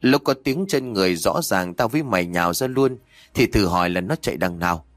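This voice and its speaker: A hot-tempered gang boss, voiced by a man reading a horror story aloud snaps and curses at his dim underling. His voice sits low and rises and falls sharply as he scolds. The sound is close and dry. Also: animated, fairly quick, no room sound. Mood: uneasy. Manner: cursing, scolding, bossy. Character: gruff hot-tempered male gang boss, middle-aged.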